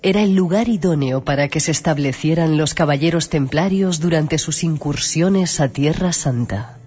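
A man giving measured, scripted documentary narration. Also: fairly high pitch, darkish tone. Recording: dull sound with music bed.

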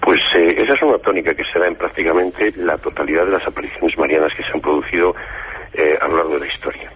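A man, a guest author on a radio talk show, recounting events slowly with frequent hesitations, speaking. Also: low voice, breathy edge. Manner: slow, measured recounting with hesitations. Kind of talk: radio interview, storytelling. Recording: lo-fi phone-like radio line.

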